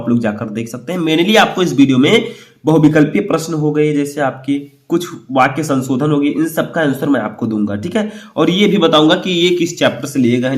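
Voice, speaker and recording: A man's voice: a little high, roomy sound. A man teacher walking students through an exam paper, explaining step by step and checking that they have understood. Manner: explanatory, repeats "ठीक है" and asks "समझ में आया?".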